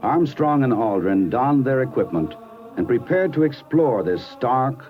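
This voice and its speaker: A man narrating a scripted documentary in a measured, dramatic storytelling manner. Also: medium pitch, expressive, highs cut off. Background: music.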